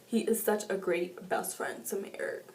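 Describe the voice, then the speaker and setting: A woman reviewing a book in a casual vlog, gushing and excitable, with sudden jumps in pitch. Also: measured pace. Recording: echoey room, mic at a distance.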